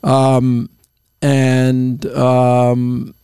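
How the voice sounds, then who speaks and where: An older man, a lawyer and professor, telling unhurried anecdotes in an interview, chuckling between stories. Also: mid-range voice, monotone, dark tone, clear, resonant tone, no echo. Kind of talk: interview storytelling. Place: Miami.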